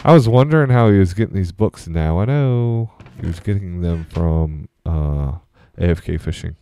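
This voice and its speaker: A man's voice: low voice, normal speed, dark tone, clean tone. A young man giving casual, rambling commentary as he plays a game and tours a server. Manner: chatty, meandering, easily distracted. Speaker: Let's Play host.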